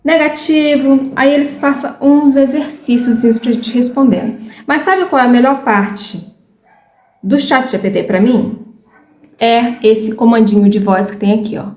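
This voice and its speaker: Brazilian woman, 30s, casual vlogger, a bit high-pitched, frank and scattered, roomy echo. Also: a little slow, darkish tone. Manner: chatty, frank, loses her train of thought. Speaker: vlogger learning English. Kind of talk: casual chat to viewers.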